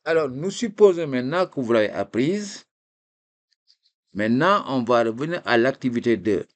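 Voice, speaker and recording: A man teaching a recorded reading lesson, slowly repeating a memory phrase syllable by syllable for his students. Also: mid-range voice, sing-song. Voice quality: gravelly.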